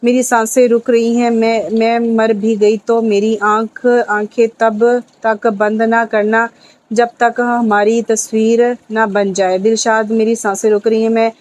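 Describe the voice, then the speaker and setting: Female narrator voices a gentle dying wife; soft, level pleading. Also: a little high, level tone, lightly acted.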